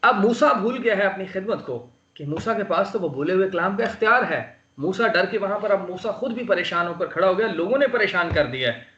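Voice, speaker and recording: A man with a high voice preaches an earnest sermon over an online video call. His exhortations rise and press the point. The sound is dull and lo-fi, in a roomy space. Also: lively intonation, fairly quick, hardly any pauses, pushed and bright. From Pakistan. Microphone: online call microphone.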